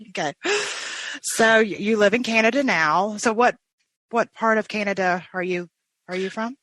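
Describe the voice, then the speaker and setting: A woman hosts a conversational interview, her voice bright and forward. She talks in a friendly, chatty way with quick asides. The sound is dry and close. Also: medium pitch, no echo, low-quality recording. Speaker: podcast host.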